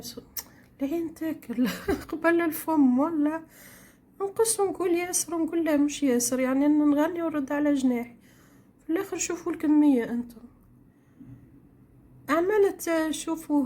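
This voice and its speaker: A woman's voice: high-pitched, mellow. A woman with a Tunisian accent chatting casually to her viewers while she cooks in her home kitchen, telling stories in a rambling way. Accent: Tunisian Arabic. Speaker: home cooking vlogger. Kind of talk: casual chat while cooking.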